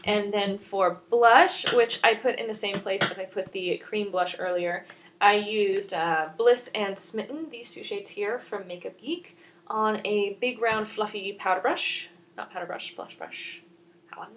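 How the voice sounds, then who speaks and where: A woman's voice: mid-range voice, a little slow, a bit bright, slight background noise. Chatty woman narrating a makeup routine. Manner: rambling, self-mocking, explains each step. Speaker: beauty vlogger.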